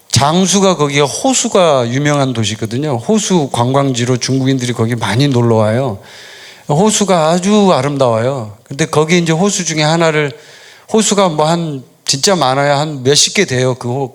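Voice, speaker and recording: Korean pastor telling a story. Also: male voice, on the high side, lively intonation, moderate pace. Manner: storytelling, conversational, asks and answers his own questions. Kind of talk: sermon with personal stories.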